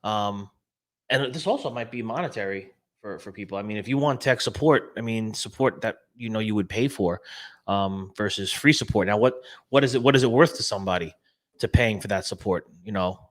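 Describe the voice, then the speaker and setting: A man hosting a casual live-stream talk show, animated and repeating himself as he restarts sentences. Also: lowish voice, fairly quick. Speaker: show host.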